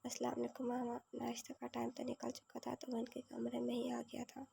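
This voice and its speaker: Woman reading a novel out loud, gravelly mellow voice, super flat. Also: a little high, moderate pace, low-quality recording. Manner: flat, even read-aloud delivery. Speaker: narrator. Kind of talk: novel read aloud.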